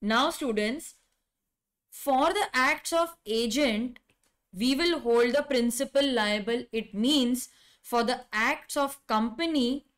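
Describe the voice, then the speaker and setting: A woman's voice: fairly high pitch, fairly bright tone. A middle-aged woman with an Indian accent teaching a live online class, emphatic, repeating key phrases and putting questions to students. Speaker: law teacher.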